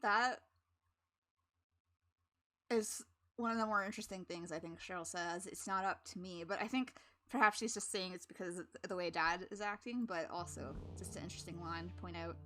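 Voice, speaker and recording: A woman's voice: on the low side, normal speed, sharp tone, faint music behind. A woman streamer giving chatty, rambling commentary during a live stream, laughing often.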